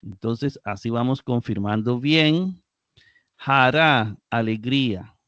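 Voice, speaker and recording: A man teaching a live online grammar lesson in a slow, deliberate way, sounding words out syllable by syllable. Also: medium pitch, animated, dry recording, highs cut off. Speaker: Greek teacher.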